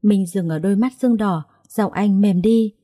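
A woman narrating an audiobook story in a calm, even storytelling manner. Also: medium pitch, normal speed, no echo, clean studio sound. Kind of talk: scripted narration.

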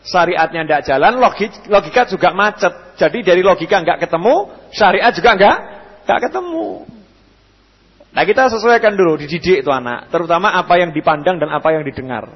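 A young Javanese man preaching at a mosque study session in a lively way, acting out the people he quotes. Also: brisk, breathy edge. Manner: lively, acts out quoted speakers with sudden jumps in pitch and loudness. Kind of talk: religious lecture answering questions. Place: mosque hall. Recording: dull, echoey hall radio recording.

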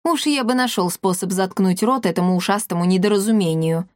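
A woman's voice: mid-range voice, a little fast, dry recording, clean studio sound, natural voice. A woman voicing a grumpy, sarcastic male cat who grumbles snide remarks.

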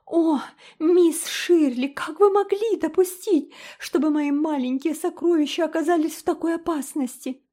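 Brief: fretful weepy mother, high and shaky, storybook reading, voiced by a woman narrator. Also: expressive, a little fast, mellow. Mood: tearful, reproachful. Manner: tremulous, high and imploring. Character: tearful, fretful middle-aged mother, pleading.

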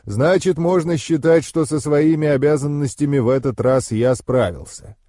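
A huge werewolf bodyguard speaks with a bass voice, earnest and stubborn about his duty, as a male narrator puts him on. It is an audiobook scene with a mellow, warm tone. The reading is close and dry. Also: moderate pace, no room sound, natural voice.

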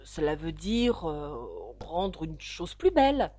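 A woman voicing a polite, curious young girl in a storybook reading, earnest and questioning, with lively pitch. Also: normal speed.

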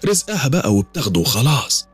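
A man's voice: medium pitch, big pitch swings, fast, husky, faint music behind, pitched above the performer's own voice. A man doing a blunt old village grandmother. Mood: teasing. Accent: Egyptian Arabic.

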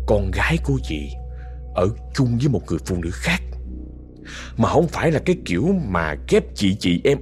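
Male storyteller, Southern accent, chatty, directly addresses the audience, very expressive pitch. Casual oral narration. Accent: Southern Vietnamese.

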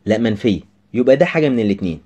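A man's voice: lowish voice, lively intonation, very fast, dark tone. A man with an Egyptian Arabic accent teaching a grammar lesson, chatty and talking straight to the student with questions.

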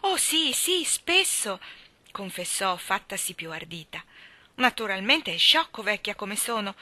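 A woman reading an audiobook, voicing a gentle, lonely woman in her forties who speaks softly and earnestly with a bashful edge. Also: medium pitch, no room sound. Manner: soft, earnest, a little bashful. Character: gentle lonely woman of forty-five, whimsical, shy.

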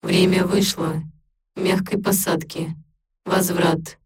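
A woman's voice: on the low side, fairly even intonation, takes it slowly, a little mellow. A woman reading a story aloud, putting on a cold, metallic, commanding voice of an unseen force. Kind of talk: audiobook narration.

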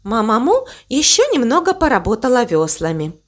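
A woman calmly narrating a children's story in a gently expressive way. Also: a little high, moderate pace.

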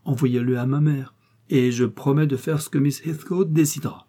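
A man's voice: medium pitch, steady tone, moderate pace, warm tone, pitched above the performer's own voice, natural voice. A man voicing a mischievous young man who talks in a laughing, playful way. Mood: teasing.

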